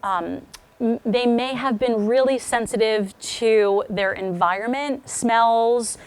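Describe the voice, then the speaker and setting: A woman's voice: on the high side, takes it slowly, clear, resonant tone, no room sound. A middle-aged woman speaking candidly to a group of parents, talking in a chatty, conversational way that drops to near whispers for asides. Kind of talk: parent talk to a live group.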